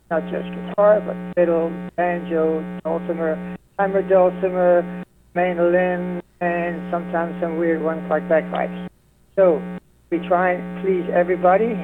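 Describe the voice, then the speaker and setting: A man speaking over the phone as a guest on a radio show, friendly and unhurried, listing things off with fillers. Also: fairly high pitch. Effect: heard over the phone. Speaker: folk music society representative, radio guest. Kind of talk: casual radio interview. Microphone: telephone. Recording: tinny phone line with hum.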